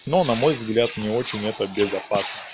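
In a rough recording with game music behind him, a man with a lowish voice narrates gameplay at a moderate pace. He gives casual commentary, addressing viewers directly and dropping in short exclamations.

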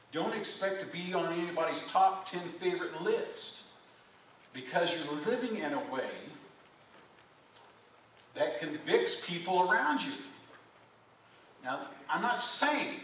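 Man, pastor, preaching a sermon, fairly high voice, rhetorical questions, repeats phrases, far from the mic, echoey church. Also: fairly bright tone. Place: church sanctuary. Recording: echoey church from a distance, faint room noise.

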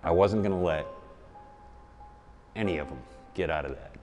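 A man's voice: deep voice, moderate pace, darkish tone, soft background music. A man on a safety crew speaking in a documentary interview.

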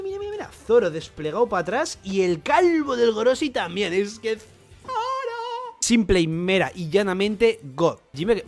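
Animated high-pitched Spanish man reacting. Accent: Spain Spanish. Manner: animated, swearing, jokey. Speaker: manga reaction streamer. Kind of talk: excited reaction commentary.

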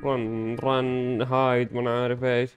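Man, gaming host, casual play-by-play, jokey with sudden loud outbursts. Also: medium pitch, flat delivery, moderate pace, smooth, dry recording, faint music behind. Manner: playful, joking, bursts of loud exclamation. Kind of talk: casual gameplay commentary.

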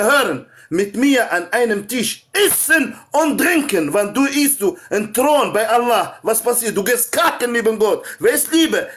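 High-voiced man ranting aggressively. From Maghreb. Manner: aggressive, insulting, shouting over others in broken German. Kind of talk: heated live-stream debate.

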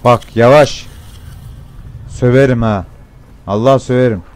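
A young man commenting on his gameplay, excitable and swearing a lot, with sudden shouts. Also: mid-range voice, unhurried. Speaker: gameplay streamer.

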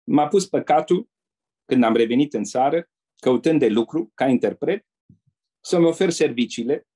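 Older man, warm husky storyteller. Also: mid-range voice, lively intonation. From Romania. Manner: measured storyteller who acts out quoted people. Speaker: guest, retired diplomat. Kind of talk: anecdotal interview storytelling.

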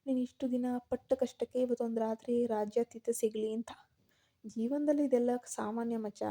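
A boastful young man talking big to his friend, as a woman storyteller plays him. He sounds breezy and quick, with a dark, mellow tone held high and level. It is part of a spoken story. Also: steady tone, natural voice.

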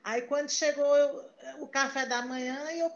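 A woman's voice: high voice, steady tone, normal speed. Chatty woman on a video call. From Paraíba, Brazil. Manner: chatty, storytelling, many restarts. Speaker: meeting participant. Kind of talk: casual chat on a video call. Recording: muffled video call audio.

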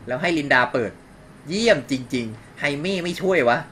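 A man streaming a horror game who talks over it in a loose, joking way and dubs every character's lines into Thai as they speak. His voice sits a little high for a man, with faint noise behind it. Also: expressive, normal speed, fairly bright tone. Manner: dubs the game dialogue into Thai on the fly, swears casually. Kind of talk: casual gameplay commentary.

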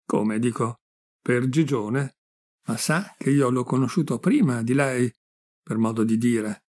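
A man's voice: mid-range voice, measured pace, lightly acted. A man reading aloud, voicing a boisterous, joking middle-aged man who teases an old friend. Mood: teasing. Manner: joking, lively, teasing. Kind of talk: audiobook reading.

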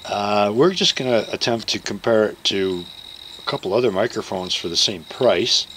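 A man's voice: fairly low pitch, moderate pace, fairly bright tone, a little hiss or hum, rough recording. A man hosting a casual studio visit, joking loosely and swearing now and then. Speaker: video host. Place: recording studio.

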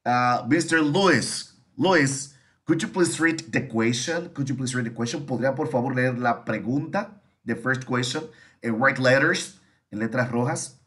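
A man's voice: mid-range voice, a little slow, a bit bright, husky. A man teaching an English class over a video call, repeating each phrase and translating it. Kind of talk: online bilingual class.

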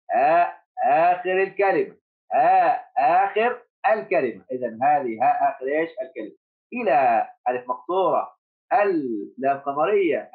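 A man teaching first graders online, encouraging the class, repeating words slowly and asking them questions. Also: on the high side. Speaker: primary school teacher. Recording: tinny phone-like audio.

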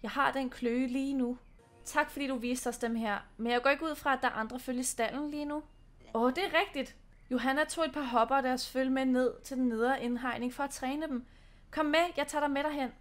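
A woman's voice: high-pitched, fairly even intonation, fairly bright tone. A young woman from Denmark giving casual, playful commentary while playing a horse-riding game. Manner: chatty, playful, giggly. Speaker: gaming channel host.

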